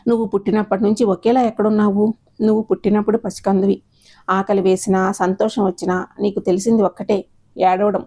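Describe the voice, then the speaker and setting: Woman doing strict old mom lecturing her daughter, flat mellow voice, audio story. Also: medium pitch, a little fast, natural voice. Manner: lecturing, firm and reproachful. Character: stern older mother scolding her grown daughter. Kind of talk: storybook narration, acted dialogue.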